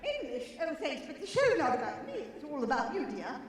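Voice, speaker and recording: A woman's voice: high-pitched, wildly swooping pitch, fairly quick, crowd noise. A woman in her seventies with a Yiddish accent, teasing and playful in a tribute. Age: 70s. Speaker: alumna giving a tribute. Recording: echoey hall from far off.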